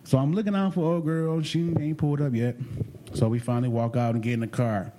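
A man with a mellow, warm voice chats casually on a podcast. He tells his story in a lively, profane way, pitched at an ordinary middle height for a man. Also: a little fast, a little hiss or hum. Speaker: podcast co-host telling a vacation story. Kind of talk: casual chat.

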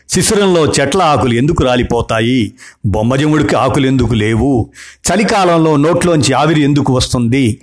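A man giving a talk who reads aloud a long list of questions from a book in a steady, even way. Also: on the high side.

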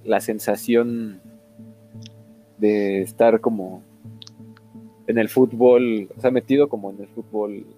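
A man's voice: fairly low pitch, steady tone, takes it slowly, long pauses, warm tone, soft background music, low-quality recording. A young man with a Mexican accent reminiscing casually with a friend, hesitant and often searching for his words.

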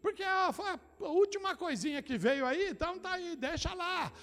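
With an animated male voice and moderate pace, this Brazilian pastor, middle-aged and from São Paulo, moves from quiet, close words to shouted declarations. His accent is São Paulo Brazilian Portuguese, and he keeps repeating phrases straight to the congregation.

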